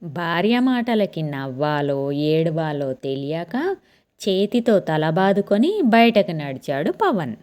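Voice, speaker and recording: Mellow woman reading a story. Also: lowish voice, animated, slow. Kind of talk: scripted story narration.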